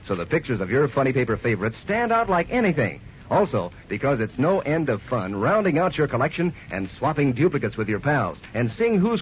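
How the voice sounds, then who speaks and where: A man's voice: on the high side, a little hiss or hum. An American man announcing 1940s radio commercials for children as a folksy, enthusiastic salesman. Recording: muffled old radio broadcast, faint music.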